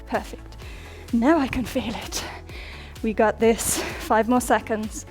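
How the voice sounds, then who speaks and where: A young female fitness instructor coaches a workout over faint music, upbeat as she counts down sets and talks through reps. Her slightly high voice holds a steady tone at a slow pace, turning breathless at times.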